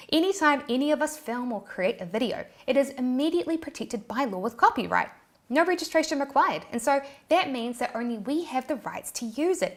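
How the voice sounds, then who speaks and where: A young woman with a New Zealand accent hosting an online tutorial in a cheerful, scripted way, throwing in little cheers. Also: a little high. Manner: cheerful, bursts of "yay" and "woohoo".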